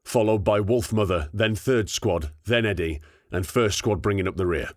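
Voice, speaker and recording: A man voicing a brisk colonel on the radio. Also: on the low side, darkish tone, dry recording, studio quality, close to an everyday voice. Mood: commanding. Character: male colonel taking command over the radio.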